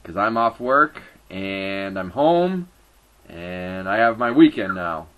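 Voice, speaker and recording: A man's voice: low-pitched, lively intonation, slow, a bit bright, poor audio. A man hosting a casual sports talk show and reading trivia, playful with hyped announcer flourishes.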